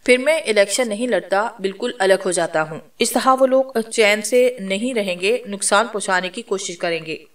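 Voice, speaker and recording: A woman's voice: mid-range voice, normal speed, few pauses, distant mic, lightly acted. A woman reading as Jiru, a determined young man.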